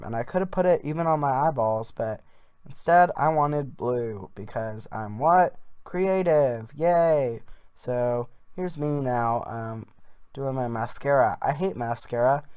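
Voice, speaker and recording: A man's voice: mid-range voice, a little mellow, clean tone, no room sound. A man doing a casual improvised voiceover as a makeup vlogger, rambling in an offhand, jokey way.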